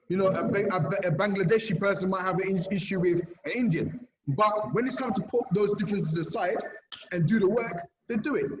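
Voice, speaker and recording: A man, a community activist, giving impassioned interview answers and pressing his points with repeated tag questions like "okay?". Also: sits high. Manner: emphatic, keeps asking "okay?" and "right?". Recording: roomy, dull lo-fi recording.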